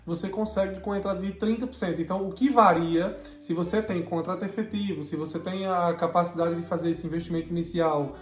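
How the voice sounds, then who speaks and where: Fast, chatty co-host. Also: medium pitch, steady tone. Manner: upbeat, chatty, acts out clients' lines. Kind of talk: lively video chat. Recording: echoey room with faint music.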